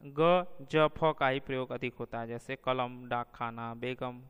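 A man teaching Hindi phonology as a lecture, reading out sounds and word pairs one by one and stressing each clearly. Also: mid-range voice, unhurried, a bit bright, big-room sound.

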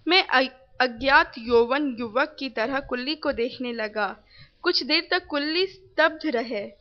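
A woman reading a novel aloud, plainly, even speaking the punctuation marks. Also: high voice. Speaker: reader. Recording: dull lo-fi recording.

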